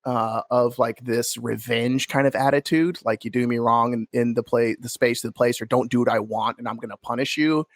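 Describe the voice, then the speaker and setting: A man's voice: medium pitch, steady tone, moderate pace, few pauses, no echo. A man with a mid-range voice co-hosts a casual podcast. He rambles, restarts his sentences and leans hard on his points. The sound is dry and close. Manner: rambling, emphatic, frequent restarts. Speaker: podcast co-host.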